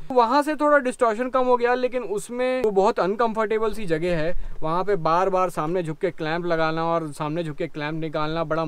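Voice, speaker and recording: A man's voice: high-pitched, smooth, dry recording. A man in his thirties explaining his gear step by step, recorded on a lapel mic inside a parked car. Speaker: vlogger. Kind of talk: explanatory vlog talk.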